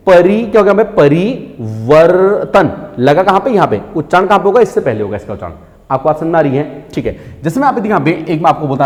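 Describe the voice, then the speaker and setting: A man teaching a Hindi spelling lesson, constantly asking questions and answering them himself, drawing out key words slowly. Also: a little high, a little mellow. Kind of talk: classroom-style online lesson. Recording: long reverb.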